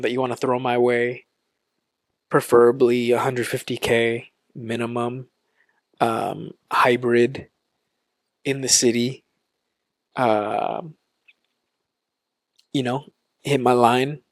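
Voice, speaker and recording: A man hosting his own podcast in a relaxed, casual way, with lots of ums and likes. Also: medium pitch, dry recording, studio quality. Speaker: podcast host. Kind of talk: casual solo podcast chat.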